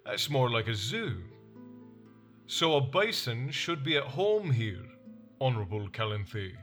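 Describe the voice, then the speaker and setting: A man's voice: mid-range voice, sing-song, measured pace, a bit bright, faint music behind. A man reading an audiobook voices a sardonic nobleman who speaks in a wry, mocking way.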